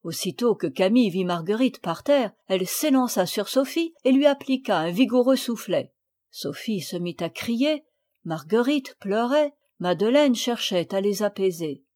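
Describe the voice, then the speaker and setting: A woman narrating a children's classic as an audiobook, with a clear, expressive reading. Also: medium pitch, moderate pace. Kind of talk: storybook reading.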